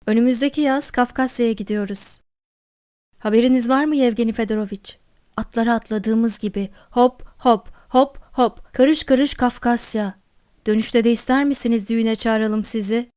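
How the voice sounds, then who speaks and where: A woman's voice: a little high, fairly even intonation, moderate pace, darkish tone, clean tone, dry recording, studio quality, lightly acted. A woman voicing a jovial, talkative older male postmaster who speaks in a hearty, coaxing, familiar way.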